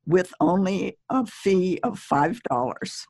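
Slow, husky woman poet. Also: lowish voice, animated, darkish tone, dry recording. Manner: slow, measured and chatty, with small laughs. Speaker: poet giving advice, podcast guest. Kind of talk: relaxed conversational advice.

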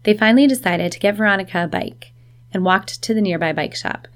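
A woman reporter narrating a scripted news feature in a measured tone. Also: mid-range voice. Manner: measured, informative.

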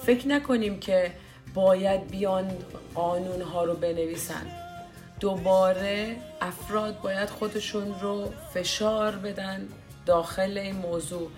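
A woman's voice: mid-range voice, steady tone, music in the background. A woman talking earnestly and persuasively in a casual discussion, acting out little dialogues to make her point.

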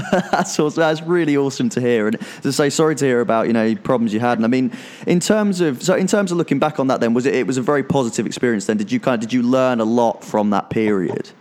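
A man's voice: mid-range voice, fast, a little mellow. Rambling male interviewer. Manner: rambling, hesitant questions with many restarts. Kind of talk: casual interview.

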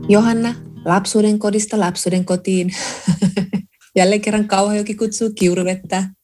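A woman co-hosting a book podcast, telling casual stories with a lively, laughing manner. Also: medium pitch, faint music behind. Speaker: podcast co-host. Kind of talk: casual chat.

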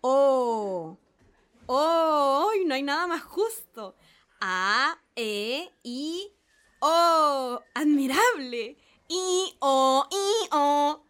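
An eager, naive middle-aged gentleman, played by a woman, marvels aloud at every sound he is taught. The voice sits high and swoops wildly up and down. It is a dramatic reading, full of wonder. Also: very animated, moderate pace. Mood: awed, eager. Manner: gushing, repeats sounds with wonder. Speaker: reader playing a pupil.

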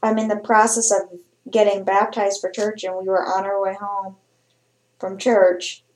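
A woman with a mid-pitched voice co-hosts a casual podcast. She talks in a meandering, chatty way and often restarts her sentences. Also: little pitch movement, measured pace, darkish tone, roomy sound, slight background noise. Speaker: podcast co-host.

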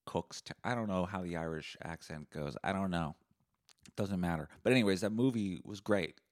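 Deep-voiced man rambling profanely. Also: normal speed. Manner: rambling, profane, deadpan storytelling. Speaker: podcast host. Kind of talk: solo podcast monologue.

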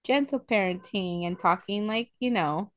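A young woman co-hosting a casual chat podcast, telling stories in an animated way and acting out the scenes. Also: mid-range voice, moderate pace, dry recording, clean studio sound. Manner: animated storyteller, acts out scenes. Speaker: podcast co-host.

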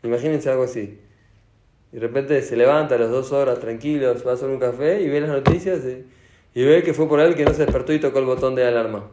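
Argentine rabbi teaching in an echoey hall. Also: male voice, medium pitch, fast talker, a little hiss or hum. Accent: Argentine Spanish. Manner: animated, asks the audience questions. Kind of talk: sermon to an audience. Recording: echoey room.

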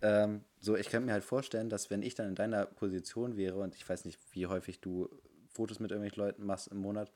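A man's voice: fairly low pitch, flat delivery, fast, hardly any pauses, a little mellow. A young man co-hosting a casual podcast chat, teasing and rambling as he talks. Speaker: podcast co-host.

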